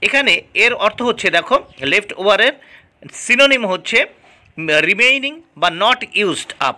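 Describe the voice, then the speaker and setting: A man with a Bengali accent teaching a lesson, explaining words one at a time with frequent hesitant pauses. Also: high voice, bright, forceful tone. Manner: explains word by word, with many "uh" pauses.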